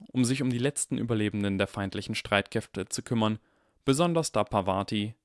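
A man narrating an audiobook in a lively, expressive, dramatic reading style. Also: lowish voice, no echo, studio quality. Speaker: audiobook reader.

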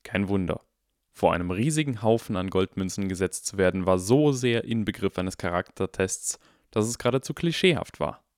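A man reading an audiobook in calm, even, measured narration. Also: sits low, no echo, studio quality. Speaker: audiobook reader. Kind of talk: scripted narration.

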